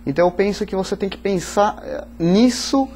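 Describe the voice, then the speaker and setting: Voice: mid-range voice, animated, moderate pace, a little mellow, slight background noise. A finance guest explaining emphatically on a TV talk show.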